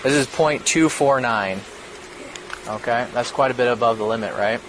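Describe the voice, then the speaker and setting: A man's voice: mid-range voice, normal speed, fairly bright tone, low-quality recording. A male police officer giving matter-of-fact, explanatory instructions during a roadside arrest, recorded as body cam audio. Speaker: police officer making a drunk-driving arrest. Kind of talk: procedural spoken instructions at a roadside stop. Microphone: body-worn camera microphone. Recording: body cam audio, clear background noise. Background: vehicle and ambient noise.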